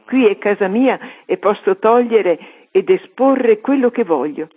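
A man's voice: a little high, unhurried, slightly rough. A woman reading aloud, voicing a defiant old male shopkeeper facing his execution with a firm voice, heard over a tinny phone-like radio line.

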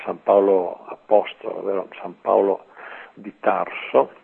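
A man's voice: low-pitched, level tone, measured pace, gravelly, husky. A man giving an informal religious talk on the radio, chatty, often adding "eh" and "vero". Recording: tinny radio line.

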